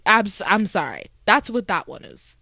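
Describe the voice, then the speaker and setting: A woman's voice: medium pitch, sing-song, moderate pace, creaky, pushed and bright, no echo, poor audio. A young woman talking casually and emotionally to her viewers, chatty and slangy, laughing often and getting teary. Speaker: vlogger. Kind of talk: casual heartfelt talk to camera.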